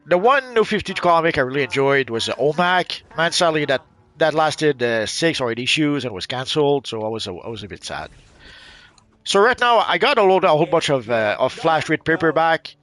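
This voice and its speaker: With a mixed Quebec French accent, this middle-aged gaming host from Quebec, Canada, talks casually over gameplay, rambling and hesitant with lots of fillers and restarts. He speaks fairly quickly in a slightly high, sing-song, a bit bright voice.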